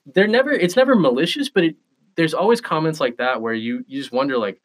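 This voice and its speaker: A man's voice: on the high side, expressive, a little fast. A man in a casual podcast chat, explaining his points and acting out imagined remarks as he goes.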